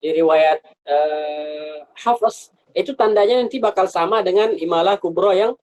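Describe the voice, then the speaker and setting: A man's voice: sits high, measured pace, a little mellow, poor audio. A man teaching a Quran recitation class online, explaining patiently, repeating points and asking rhetorical questions.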